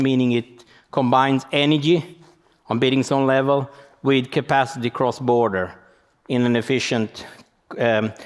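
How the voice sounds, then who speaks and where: A man from Sweden, giving a conference presentation and explaining things as he thinks aloud. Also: mid-range voice. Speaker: conference speaker. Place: conference venue hall. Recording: long hall reverb.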